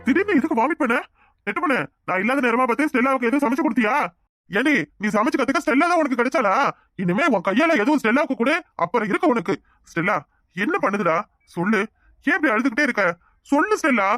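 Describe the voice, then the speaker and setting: A man voicing an excitable young husband in a Tamil cartoon, talking fast and fussing emphatically. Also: very high-pitched, no room sound. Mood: worried. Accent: Tamil Nadu Tamil. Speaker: Nettappan, husband figure. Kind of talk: cartoon dub voice acting.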